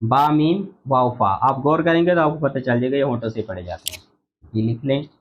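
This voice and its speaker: A man teaching an online Quran recitation lesson, slowly drilling letter sounds and repeating them for practice. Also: mid-range voice, expressive. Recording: dull lo-fi audio.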